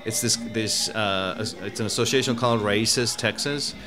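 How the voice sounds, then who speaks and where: A man's voice: fairly low pitch, moderate pace, music in the background. A man who was born in Mexico, talking in a rambling, casual way as a guest about food and cooking. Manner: rambling, many restarts and fillers. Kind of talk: casual conversation.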